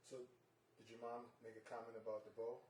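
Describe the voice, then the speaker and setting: A man talking casually between songs on a live stream, relaxed and rambling, with many fillers and restarts. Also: medium pitch, fairly quick. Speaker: jazz bassist. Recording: roomy, distant mic with faint noise.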